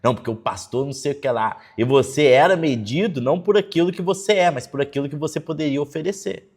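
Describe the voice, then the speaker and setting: A man's voice: fairly high pitch, fast talker, darkish tone, husky. A man preaching a casual sermon in conversational, slangy talk with many fillers, acting out quoted church members in mocking voices. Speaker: pastor. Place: church service.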